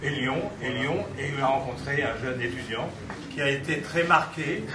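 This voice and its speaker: A man's voice: mid-range voice, normal speed. A man hosting a live poetry evening, introducing guests in a casual, hesitant way. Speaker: event organizer and host. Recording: echoey room, far from mic, noisy.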